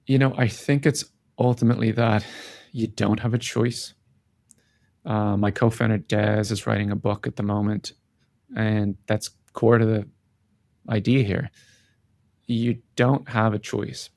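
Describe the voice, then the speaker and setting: A tech company founder and CEO answers interview questions earnestly, reflectively and emphatically in a conversational setting. His voice is fairly low, gravelly and a little mellow, with a flat, slightly slow delivery and frequent pauses. There is no echo.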